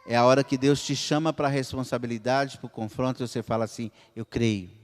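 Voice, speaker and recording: A male pastor from Minas Gerais, Brazil, preaching a sermon with a Brazilian Portuguese accent, swinging between loud high exclamations and low quiet asides as he acts out dialogues. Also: fairly even intonation, fairly quick. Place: church hall. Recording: long church reverb.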